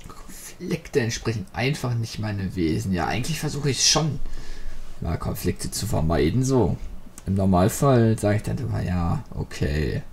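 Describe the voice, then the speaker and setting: A man's voice: lowish voice, lively intonation, moderate pace, gravelly, darkish tone, slight background noise. A man hosting a Let's Play, commenting on the game with jokey, rambling free association. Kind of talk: joking gameplay commentary.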